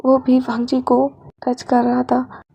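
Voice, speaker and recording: High, gravelly woman storyteller. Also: completely flat delivery, takes it slowly, mellow. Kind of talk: reading fanfiction aloud.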